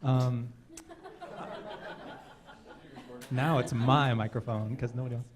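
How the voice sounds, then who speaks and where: A man's voice: mid-range voice, fairly even intonation, slow, a crowd in the background. A man from Nebraska introducing himself on a panel, joking about himself and speaking into his own microphone. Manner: self-joking, amused. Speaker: panelist, trombonist. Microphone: own handheld mic.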